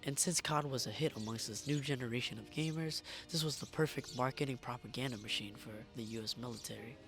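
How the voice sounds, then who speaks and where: A man reading a scripted video essay in a hoarse, strained voice that is giving out as he narrates. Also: medium pitch, fast, fairly bright tone. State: hoarse, losing his voice. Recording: music behind the voice. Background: background music.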